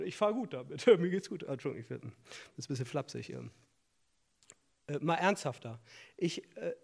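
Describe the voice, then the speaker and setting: A middle-aged man preaching a sermon, earnest and insistent, with joking asides and restarts. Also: on the high side. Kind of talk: sermon on tithing and offerings.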